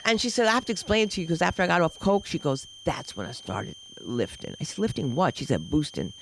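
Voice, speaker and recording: An older woman of Dominican heritage doing stand-up, telling a story with lots of exclamations and quick switches into other people's voices. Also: lowish voice, slight background noise, poor audio. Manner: animated, shifts voices for characters, exclamatory. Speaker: stand-up comic. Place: comedy club open mic.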